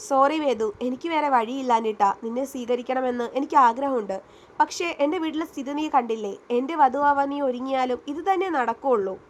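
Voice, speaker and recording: A woman's voice: high-pitched, brisk, natural voice. A woman voicing an arrogant, mocking young man in a spoken romance story. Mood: apologetic. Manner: sneering, taunting.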